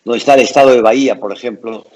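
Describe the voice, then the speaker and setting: A man's voice: mid-range voice, steady tone, racing, darkish tone, dull audio. A man hosting a conversational interview in a courteous, formal and wordy way. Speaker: interview host.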